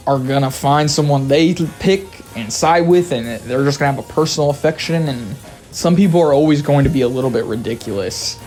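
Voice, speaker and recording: Male reviewer, fairly high-voiced, blunt and profane, talks straight to camera over faint music. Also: darkish tone. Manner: candid, profane, conversational. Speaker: video reviewer. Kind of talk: opinionated video commentary. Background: faint background music.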